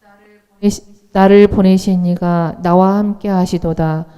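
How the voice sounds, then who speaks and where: A woman in a church congregation slowly reading a Bible passage aloud. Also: on the low side, fairly even intonation, warm tone, clear, resonant tone. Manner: slow, measured recitation.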